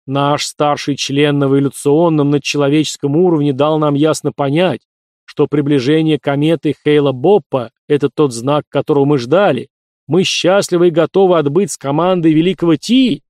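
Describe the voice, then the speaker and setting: A man voicing a gloomy male cult fanatic who drones slowly through his nose. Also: fairly high pitch, steady tone, a little mellow, no room sound, clean studio sound, natural voice. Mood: droning gloomy. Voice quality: nasal. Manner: slow mournful drone.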